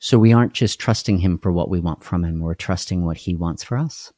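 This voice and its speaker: A man's voice: low-pitched, a little fast, darkish tone, no room sound, studio quality. A man hosting a live devotional talk, speaking earnestly and candidly, often repeating key phrases for emphasis. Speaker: host of a live devotional show.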